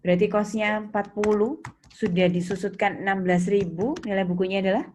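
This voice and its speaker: This Indonesian-accented accounting lecturer has a mid-range, slightly mellow voice with fairly even intonation and a somewhat fast pace. She teaches interactively, explaining didactically and asking students questions, while the noisy recording picks up typing and keyboard clicks.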